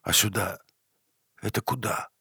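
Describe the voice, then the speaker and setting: A man voicing a shrill, indignant young woman in an audiobook story. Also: measured pace, gravelly, pushed and bright, husky, no echo, clean studio sound, full character voice. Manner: indignant, plaintive.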